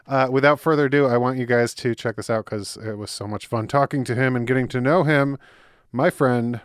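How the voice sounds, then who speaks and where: A podcast host interviews a guest in a relaxed, chatty way, laughing often and peppering his talk with fillers and restarts. His mid-range voice is clean-toned and brisk, captured in a dry, clean studio recording.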